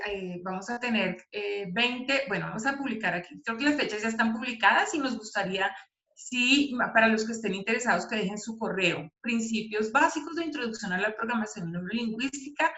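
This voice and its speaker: A woman coach announces a workshop in a bright, sharp voice. Her words echo around the room. She pauses on fillers and restarts her sentences. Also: fairly high pitch. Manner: hesitant, many fillers. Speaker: guest speaker and coach. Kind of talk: casual event announcement.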